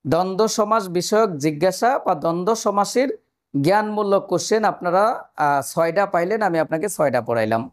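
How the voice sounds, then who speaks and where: Male tutor, fairly high voice, methodical exam-prep explainer who quizzes viewers. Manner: explains step by step, asks the viewers questions. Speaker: teacher. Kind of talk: exam-prep grammar lesson.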